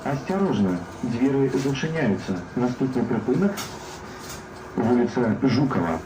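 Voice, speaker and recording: Man announcing stops over bus PA. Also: medium pitch. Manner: measured, formal, even delivery. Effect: played over a bus PA loudspeaker. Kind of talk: prerecorded transit announcement. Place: inside a moving city bus. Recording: echoey, distant, noisy bus interior.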